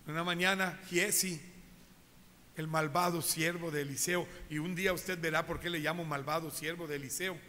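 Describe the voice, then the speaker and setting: Male pastor, animated storyteller, high bright voice, echoing church. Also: measured pace, pauses often, a little hiss or hum. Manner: animated storytelling, addresses congregation directly. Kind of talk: sermon. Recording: reverberant church hall.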